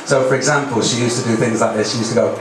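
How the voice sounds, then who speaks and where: A man's voice: mid-range voice, steady tone, racing. A man performing as a campy drag queen host, doing teasing stand-up patter with the audience. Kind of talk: live stand-up comedy patter with audience banter. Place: live cabaret stage in a music cafe. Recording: echoey live venue, distant mic, loud crowd noise. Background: loud audience noise and laughter.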